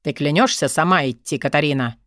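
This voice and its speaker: A woman voicing a gruff man with a hoarse, low whisper, grumbling and menacing in an audiobook. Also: brisk, fairly bright tone, dry recording, clean studio sound. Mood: stern. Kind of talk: audiobook character voice.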